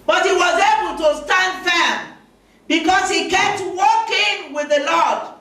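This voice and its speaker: Slow, high-voiced woman preaching in echoey hall. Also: sharp tone. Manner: slow, deliberate, calls for amens. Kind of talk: sermon with congregation call-and-response. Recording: echoey room from far off, faint noise.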